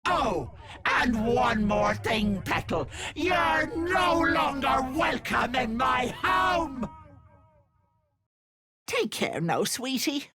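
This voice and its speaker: An actress playing a sinister old hag who poses as a kindly auntie in a video game, cooing mocking endearments in a theatrical way. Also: female voice, sits high, sing-song, very slow, raised voice, heavily acted. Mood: menacing, then sugary, doting. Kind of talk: video game character acting.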